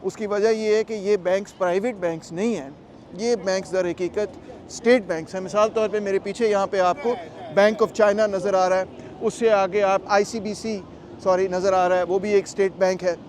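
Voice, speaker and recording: Guy vlogging to camera, high pitched, chatty and explaining stuff. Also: steady tone, normal speed, a little mellow, slight background noise. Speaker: vlogger and political commentator. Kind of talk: casual travel vlog narration.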